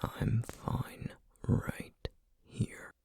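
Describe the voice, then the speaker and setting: In an ASMR roleplay audio drama, a man plays a menacing, distrustful feral essence eater, speaking in a breathy, husky near-whisper with slow, threatening deliberation. His tone is mellow yet bitter and threatening.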